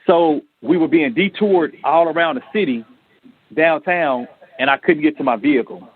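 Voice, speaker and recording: A man on a radio talk show telling a personal story in an earnest, halting way, acting out the lines of the people in it. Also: fairly high pitch, husky. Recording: tinny phone-line radio audio.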